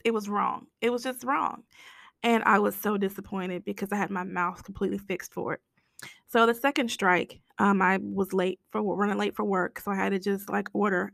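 An American woman hosting a casual solo podcast rant, hoarse with her voice nearly gone, raspy and whispery, speaking bluntly. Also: medium pitch, a bit bright, dry recording, studio quality. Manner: blunt, complaining, mildly sweary. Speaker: podcast host.

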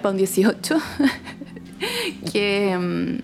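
Young Chilean woman, casual podcast chat, animated slangy storyteller, mid-pitched. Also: very slow, creaky.

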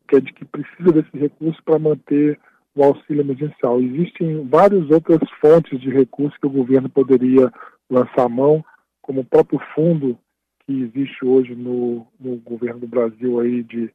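A man speaking by phone as a radio interview guest, explaining at a steady pace and often tagging his phrases with a questioning "right?". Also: mid-range voice, husky, no room sound. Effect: heard over a phone line. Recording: tinny dry phone line.

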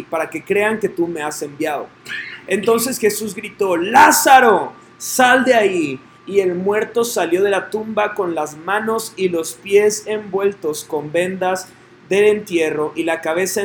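A man's voice: high voice, a little hiss or hum. A man reading scripture and preaching earnestly, asking listeners direct questions. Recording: echoey room with faint ambience.

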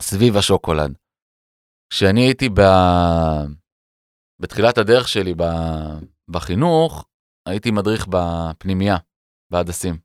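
A man telling an animated personal story in a casual conversation, acting out the voices of people in it. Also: low-pitched, long pauses, clean tone, no room sound, studio quality. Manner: animated, acts out voices in his anecdotes. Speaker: educator and podcast guest.

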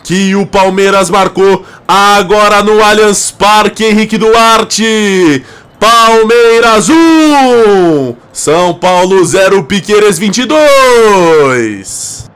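A man with a Brazilian accent giving explosive football goal commentary, with shouted, drawn-out calls and repeated phrases. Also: high voice, animated, clear, resonant tone.

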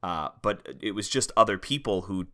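A man with a very low but bright, forward voice talks through ideas in a loose academic chat. He tends to ramble in circles, tagging his points with "right?" as he goes. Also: moderate pace. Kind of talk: casual academic discussion.

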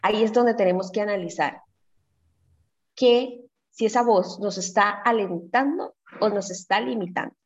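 A woman's voice: mid-range voice, normal speed. A middle-aged woman giving a personal testimony talk, earnest and reflective, speaking straight to her listeners. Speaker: motivational speaker. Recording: slightly dull lo-fi sound.

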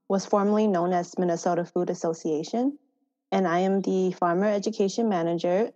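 A woman born in Thailand, a farmer education manager, telling her story in a relaxed interview and laughing often. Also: lowish voice. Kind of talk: casual interview conversation. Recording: slightly dull lo-fi sound.

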